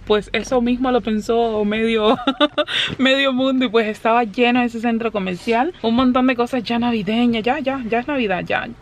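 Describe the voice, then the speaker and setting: A woman's voice: fairly high pitch, fairly even intonation, moderate pace. Chatty woman vlogging to her viewers. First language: Spanish. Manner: chatty, fond, explains words patiently. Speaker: family vlogger. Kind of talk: casual vlog chat to viewers.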